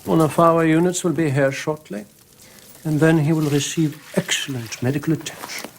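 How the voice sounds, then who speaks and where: A man's voice: on the high side, steady tone, moderate pace, natural voice, poor audio. A man acting a German army lieutenant in a war film, proud and courteous. His German-accented speech is formal and politely assured, over faint noise and clicks. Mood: confident, defiant. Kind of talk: film drama dialogue.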